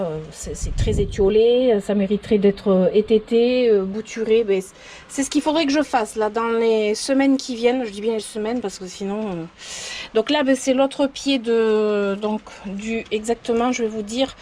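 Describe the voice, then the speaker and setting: A woman's voice: a little high, measured pace, a little mellow. A woman giving a casual tour of her potted succulents outdoors, rambling and often unsure of the plant names. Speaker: plant vlogger. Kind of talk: casual show-and-tell tour.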